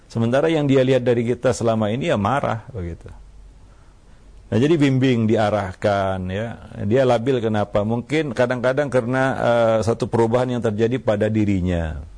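A man, an Islamic preacher giving calm religious advice on parenting, unhurried and dotting his talk with "ya". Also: medium pitch. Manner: calm, unhurried, frequent "ya" tags. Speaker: Islamic preacher answering questions.

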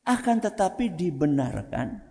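A man with a Javanese accent, an ustaz giving an animated religious talk to parents, often asking the audience rhetorical questions. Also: a little high, unhurried, creaky. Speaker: ustaz, Islamic preacher. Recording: reverberant hall.

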